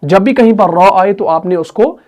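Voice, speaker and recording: A man's voice: sits high, lively intonation, darkish tone. Man teaching Quran recitation rules. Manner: explains slowly, asks and answers his own questions; recites Quranic verses in drawn-out chant. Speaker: tajweed teacher. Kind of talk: online Quran recitation lesson.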